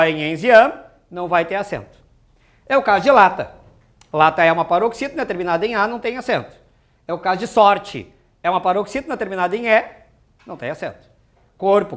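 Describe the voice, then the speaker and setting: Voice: mid-range voice, a bit bright. A teacher giving an exam-prep grammar lesson, chatty and full of joking asides and rhetorical questions.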